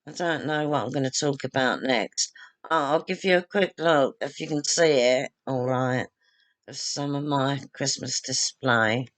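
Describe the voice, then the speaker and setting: A woman with a very deep voice talks at a measured pace in a casual to-camera vlog. She rambles self-deprecatingly as she roams the room at home, filming on her phone, with audio from a phone or laptop camera rather than a proper webcam.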